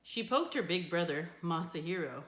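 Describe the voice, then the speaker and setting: A woman reads a children's storybook aloud from a script in an expressive storytelling style, using character voices for the dialogue. Her voice is lowish and her pace moderate. The room sounds echoey.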